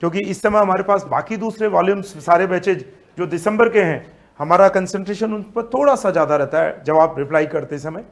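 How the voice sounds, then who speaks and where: Man, high-pitched coaching-class lecturer, mixes in English terms. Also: brisk. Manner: animated, asks and answers his own questions. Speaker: CA Foundation statistics teacher. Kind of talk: recorded online class lecture.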